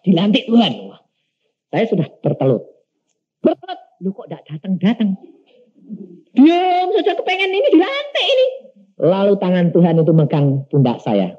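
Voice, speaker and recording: An older man from Indonesia, preaching a sermon and telling a personal story, acting out the dialogue with lively energy. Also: high-pitched. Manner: animated, acts out dialogues. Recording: dull lo-fi recording.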